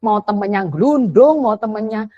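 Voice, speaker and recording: The sound is lo-fi as a woman with a mid-range, animated voice talks at normal speed about parenting. A chatty parenting educator, she weaves in English phrases and acts out quotes.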